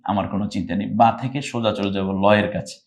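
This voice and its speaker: A man teaching Quran recitation rules in Bengali-accented speech, explaining slowly and then chanting verses in long, louder phrases. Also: lowish voice, steady tone. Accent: Bangladeshi Bengali. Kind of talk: step-by-step recitation lesson.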